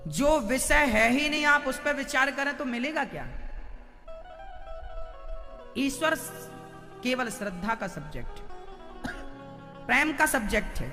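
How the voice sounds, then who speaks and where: A man's voice: very high voice, lively intonation, moderate pace, vocal fry, bright, forceful tone. A man giving a devotional sermon, telling stories and firing rhetorical questions at the listeners. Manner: storytelling, rhetorical questions to the crowd. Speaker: spiritual preacher. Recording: long hall reverb with faint music.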